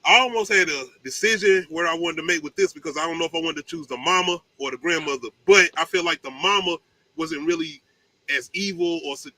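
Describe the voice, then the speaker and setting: A man's voice: on the high side, fairly quick, pushed and bright, dry recording, low-quality recording. A man hosting a casual top ten countdown show about movies, talking in a slangy, emphatic way with some swearing.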